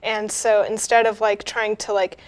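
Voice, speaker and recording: A woman's voice: medium pitch, level tone, moderate pace, smooth. A young woman co-hosting a casual film review, easygoing and agreeable, laughing often and leaning on fillers. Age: young adult.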